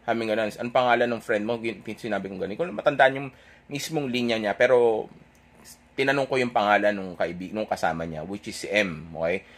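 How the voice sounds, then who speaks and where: A man's voice: on the low side, fairly even intonation, a little fast, a bit bright. A young man telling an audience a dating story in a casual, rambling way, correcting himself and checking in with "okay?" after nearly every point. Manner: chatty, rambling, self-correcting.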